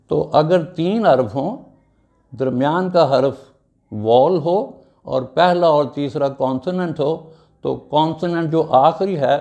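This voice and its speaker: A man teaching an English grammar lesson, spelling out words letter by letter in a slow, deliberate way. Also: a little high, darkish tone.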